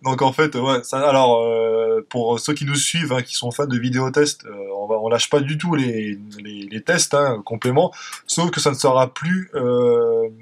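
A man from France with a French accent hosts a fitness podcast casually and conversationally, speaking at a moderate pace in a mid-range voice.

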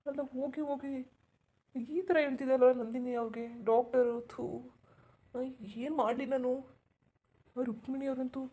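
A woman's voice: fairly high pitch, dark tone, slightly rough. Woman voicing a troubled young husband. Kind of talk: cartoon voice acting.

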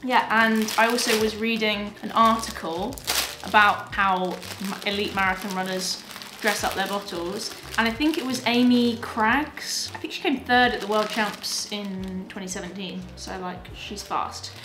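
A woman's voice: medium pitch, moderate pace, few pauses, background noise. Chatty woman vlogging in an echoey room. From England. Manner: chatty and upbeat, with frequent laughs. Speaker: vlogger and marathon runner. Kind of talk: casual vlog chat. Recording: echoey room with faint music.

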